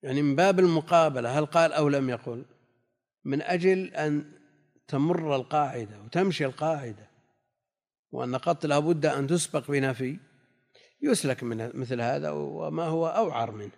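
A male religious teacher giving a classical text lesson. He reads quoted passages slowly, repeats key phrases and answers students' questions. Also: fairly high pitch, creaky, a little mellow. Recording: long hall reverb.

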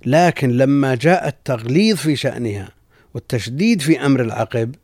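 A man teaches from a classical text, reading slowly and repeating key lines for emphasis. His voice sits in the middle range. The sound is dry and close, with almost no room echo. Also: mid-range voice, lively intonation, darkish tone. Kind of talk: reading and explaining classical jurisprudence.

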